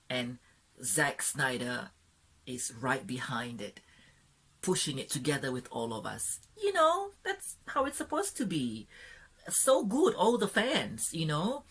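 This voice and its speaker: A young woman reviewing a film in a casual vlog, gushing with excitement, often giggling and saying sorry. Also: very deep voice, slightly rough. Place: Sydney, Australia.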